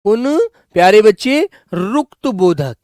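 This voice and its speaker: A male teacher giving a grammar lesson to children, slowly dictating and repeating words so they can write them down, and speaking affectionately to his pupils. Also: high voice, very animated, a little mellow, no room sound, clean studio sound. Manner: affectionate, calls students "beta".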